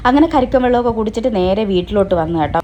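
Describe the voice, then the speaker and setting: A woman's voice: medium pitch, lively intonation, rapid-fire, warm tone, a little hiss or hum. A young adult woman with a Kerala Malayalam accent, narrating a casual family vlog and tagging her sentences with a chatty "kettoo". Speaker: family vlogger.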